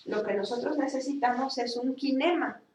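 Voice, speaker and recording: Woman lecturer, fairly high voice, heard from a distance in a roomy hall. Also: normal speed, a little mellow, a little hiss or hum. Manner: explanatory, demonstrates sounds with exaggerated articulation. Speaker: speech therapy lecturer. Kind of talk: university class lecture. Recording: echoey room, from a distance.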